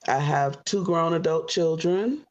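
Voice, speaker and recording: A woman in her fifties from Florida introducing herself on a dating show, chatty, pausing often on "um" and quick to laugh. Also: low-pitched, a little mellow, dull audio. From Florida, USA. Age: 50s. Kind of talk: casual self-introduction. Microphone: computer on a video call.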